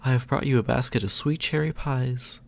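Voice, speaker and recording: A man acts out an innocent little girl from a storybook. The voice is lifted well above his usual pitch, naive and polite, with an exclaiming delivery. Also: moderate pace, gravelly, close to an everyday voice. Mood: merry.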